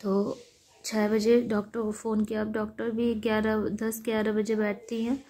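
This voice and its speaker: A woman, sick and recovering from a fever, chatting casually in a home vlog while lying in bed, speaking softly and wearily. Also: medium pitch, monotone, normal speed. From India. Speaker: vlogger.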